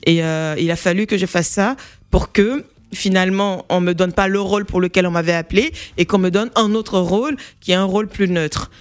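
A woman actress telling her story in a casual interview, lively and quick to laugh. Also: fairly low pitch, no room sound. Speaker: actress guest.

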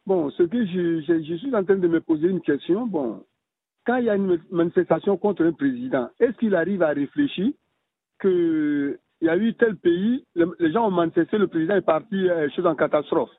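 A man leaves an answering machine message for a radio call-in show, his voice high for a man and husky. He talks in a halting, hesitant way, often restarting his sentences. The sound is thin and tinny, as over a phone line. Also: expressive, no echo. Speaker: listener caller.

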